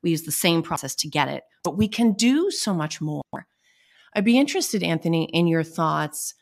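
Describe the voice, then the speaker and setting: A woman with a Boston accent hosting a podcast, chatting in quick, lively bursts with her guests. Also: lowish voice, gravelly. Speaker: podcast host. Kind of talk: casual interview chat.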